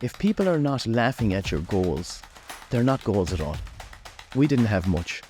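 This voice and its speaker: A man's voice: fairly low pitch, very animated, moderate pace, darkish tone, soft background music. A man of forty with a West of Ireland accent, telling his story casually as an interview guest. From Galway, west of Ireland.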